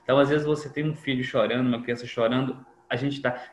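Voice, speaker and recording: Brief: male podcast guest, mid-pitched, reflective, slips into quoted voices, roomy echo and faint hiss. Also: fairly even intonation, fast. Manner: reflective, acts out quoted dialogue. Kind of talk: casual conversation. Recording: echoey room with faint noise.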